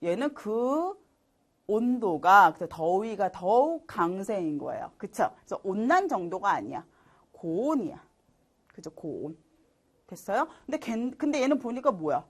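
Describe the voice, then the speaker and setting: A woman teaches a middle school science class in an online lecture, her pitch swinging widely as she talks. She chats casually, keeps checking in with rhetorical questions, and laughs easily at her own drawings. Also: a little slow. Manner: lively, chatty, asks students rhetorical questions; laughs at herself while drawing.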